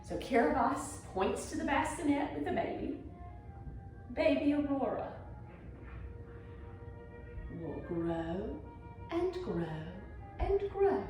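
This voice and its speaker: High-pitched and mellow, a woman tells stories theatrically while teaching ballet mime, prompting learners to copy her. It's a demonstrative dance lesson guiding viewers through gestures, recorded in a very echoey room with music behind.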